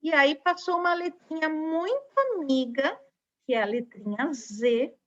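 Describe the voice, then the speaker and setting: High-pitched and expressive, a little slow and a bit bright, this primary school teacher speaks with a Brazilian Portuguese accent. She is recording an online lesson for young children, patiently spelling out syllables and peppering her speech with tag questions. The recording has a dull, lo-fi quality.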